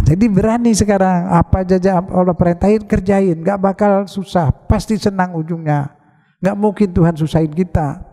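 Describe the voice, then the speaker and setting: A man's voice: high-pitched, dark tone, in a large hall. An older man preaching, talking colloquially and asking the congregation questions. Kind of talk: mosque sermon. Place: mosque.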